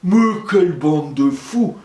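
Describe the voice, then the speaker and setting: A man's voice: fairly high pitch, animated, slow pace, a little mellow, pitched above the performer's own voice. A male storyteller voicing an exasperated father who speaks indignantly. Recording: roomy echo, mic far off.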